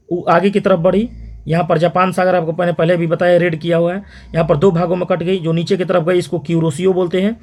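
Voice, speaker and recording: A man teaching an exam-prep geography lesson, repeating terms and quizzing listeners with quick questions. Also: high voice, darkish tone. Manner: repetitive question-and-answer drilling, frequent "theek hai".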